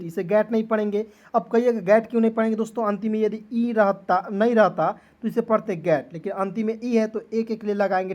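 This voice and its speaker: A woman teaching beginners to read English, spelling each word letter by letter and drawing the sounds out slowly. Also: medium pitch, darkish tone. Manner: spells words letter by letter, then stretches them out slowly; repetitive, checks in with "clear?" and "okay". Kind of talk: phonics lesson for beginners.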